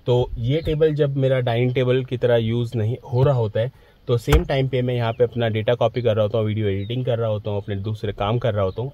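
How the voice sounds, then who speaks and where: A middle-aged man with a mellow, mid-range voice explains in a practical way how he built his small camper van, gesturing as he talks. He stands on a grassy hillside beside a small car, picked up by a camera a few metres away, so the mic sounds distant and the audio is poor.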